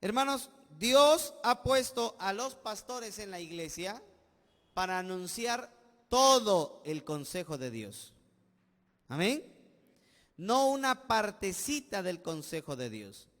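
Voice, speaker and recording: A man with a Peruvian accent, a pastor preaching a sermon, swelling loud on key words and dropping low at the ends of phrases. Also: big pitch swings, slow, in a large hall. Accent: Peruvian Spanish. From Peru. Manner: preaching with call-and-response asides, swelling and dropping volume.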